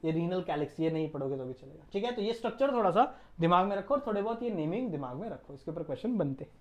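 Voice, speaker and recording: A man's voice: high voice, expressive, fast talker. Indian guy teaching science, keeps asking the kids questions then answering, chatty lecture. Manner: quizzes students with repeated questions. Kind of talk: casual classroom lecture.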